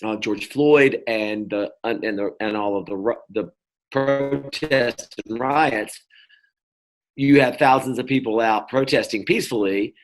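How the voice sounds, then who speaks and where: A man's voice: medium pitch, a little slow, faint music behind. A middle-aged man from North Carolina, talking as an interview guest in a rambling, casual way, with many fillers and restarts. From North Carolina, US South. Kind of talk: casual conversation.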